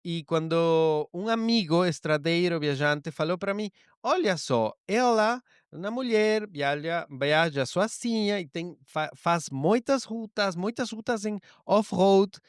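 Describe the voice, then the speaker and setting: Upbeat high-voiced male podcast host. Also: unhurried, hardly any pauses, clear, resonant tone, no room sound, clean studio sound. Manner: lively, mixing Spanish and Portuguese. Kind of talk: travel podcast interview.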